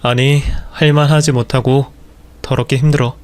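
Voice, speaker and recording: A man's voice: mid-range voice, flat delivery, normal speed, close to an everyday voice. A man voicing a lazy, excuse-making unemployed husband. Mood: sulky.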